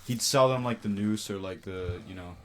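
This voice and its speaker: A man's voice: on the low side, moderate pace. A man co-hosting a casual podcast, joking in slangy banter and laughing often. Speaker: podcast co-host. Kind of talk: casual chat.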